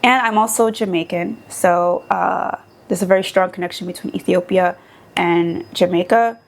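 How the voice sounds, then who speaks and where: A woman's voice: lowish voice, moderate pace, creaky. A young woman from the United States talking casually and animatedly in a vlog, with many fillers. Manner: animated, chatty, lots of fillers. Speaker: vlogger. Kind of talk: casual chat.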